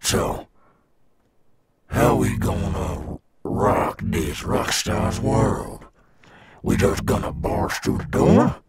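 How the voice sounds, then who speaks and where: Guy doing a cool gravelly animatronic gator rockstar, real low, coaxing asmr roleplay, bit of background noise. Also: exaggerated voice. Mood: resigned, menacing. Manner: slow, coaxing, addressing a child listener. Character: cool, swaggering male animatronic alligator rockstar guarding his golf course.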